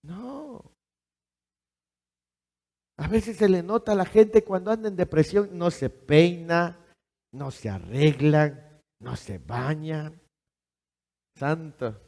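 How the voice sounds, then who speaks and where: A man preaching slowly and emphatically, his voice sitting a little high for a man. He keeps asking his congregation questions. The long reverb of a church hall hangs on every phrase. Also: lively intonation, mellow. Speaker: pastor. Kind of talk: sermon.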